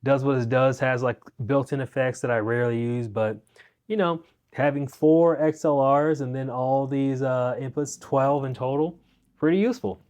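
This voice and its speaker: A young guitar teacher and channel host gives a laid-back, rambling, slangy rundown of his music gear at home, talking into a wireless clip-on mic feeding his phone. His mid-range voice is steady and a little mellow at a moderate pace.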